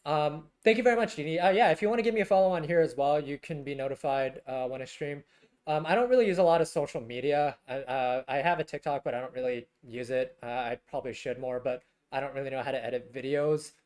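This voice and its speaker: A young man chats casually with viewers while streaming a game, rambling haltingly and leaning on lots of fillers. His mid-range voice has a darkish tone and sounds scratchy and worn from hours of talking.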